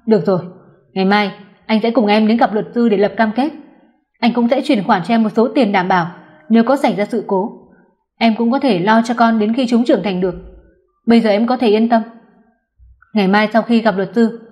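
A woman reading the lines of a young husband who is gentle but hurt and has turned cold, in a storybook reading. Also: a little high, fairly quick, lightly acted. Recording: dull lo-fi recording.

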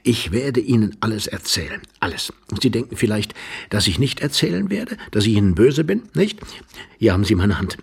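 A man voicing an agitated, mocking young man hiding under a bed, talking urgently and often in a hushed voice. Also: fairly low pitch, very animated, brisk, vocal fry, slightly rough, exaggerated voice.

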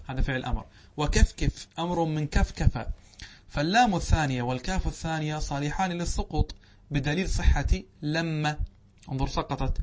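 A sheikh giving a classroom lecture, often asking the class a question and answering it himself, drawing out words slowly. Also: male voice, a little high, noisy background. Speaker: sheikh teaching a classical text.

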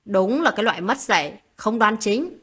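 A woman voicing a harsh village mother in a read-aloud story, muttering with scorn in a husky voice. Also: mid-range voice, lively intonation, moderate pace, fairly bright tone. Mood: scornful.

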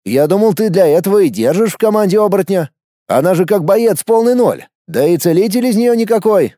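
A man's voice: high-pitched, animated, brisk, mellow, dry recording, clean studio sound, voice pushed up. A man voicing a sly, smug young know-it-all. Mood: teasing. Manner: sarcastic, insistent, teasing. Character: smug, nosy young man, self-styled ladies' expert.

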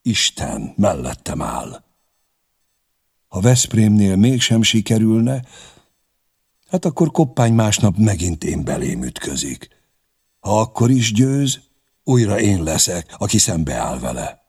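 A man doing a stern, deliberate young king. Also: lowish voice, very animated, vocal fry, darkish tone, slightly rough, pitched above the performer's own voice, full character voice. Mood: resolute. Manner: grave, commanding, deliberate.

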